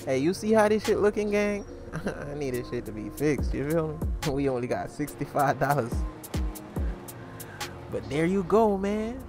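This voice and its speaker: Over music, a YouTuber narrates his crime role-play game in a slightly high, sing-song voice at normal speed. He keeps it casual and slang-heavy, referring to his viewers as gang.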